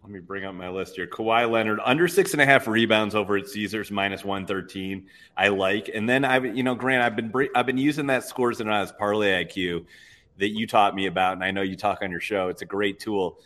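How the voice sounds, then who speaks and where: A man's voice: on the low side, fairly quick, fairly bright tone. A man appearing as a guest on a live betting show, talking through his picks in an upbeat, easygoing way. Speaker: sports bettor guest. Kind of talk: casual chat on a live show.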